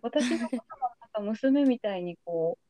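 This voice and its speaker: A young woman hosts a casual interview podcast. Her voice sits fairly high yet has a very mellow, dark-edged tone. The sound is dry and close, with very little room around it. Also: expressive, moderate pace, no echo. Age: young adult. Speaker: podcast host.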